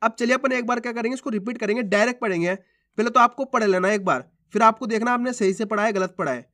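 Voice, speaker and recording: A man giving a reading lesson, asking how each word is read and then repeating it slowly with careful stress on the sounds. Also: high-pitched. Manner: loudly sounds out model words. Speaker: Hindi reading teacher. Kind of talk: slow spoken lesson, reading words aloud.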